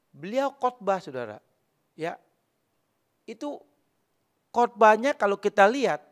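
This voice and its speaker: A male pastor preaching a sermon, emphatic and repetitive, often turning to address the congregation directly. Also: on the high side.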